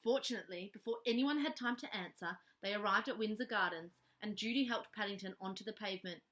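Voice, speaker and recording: A woman reading a children's story aloud expressively, animated and adding playful little asides. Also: medium pitch, fast. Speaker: storybook reader.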